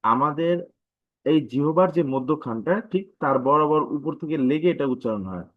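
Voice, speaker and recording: A man teaching Quran Arabic letters in an online live class, speaking with a Bangladeshi Bengali accent and drilling each sound by repeating it slowly. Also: on the high side, animated, dry recording, phone-quality sound. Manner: stretches out the letter names when modelling them.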